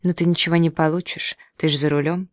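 A woman's voice: low voice, flat delivery, quick pace, dry recording, studio quality, natural voice. Tess, a reader voicing a teasing young woman. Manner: mocking, teasing.

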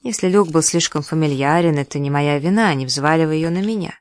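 A man's voice: on the high side, brisk, dry recording, lightly acted. A reader doing an imploring young man. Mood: pleading. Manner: pleading. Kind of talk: audiobook dialogue.

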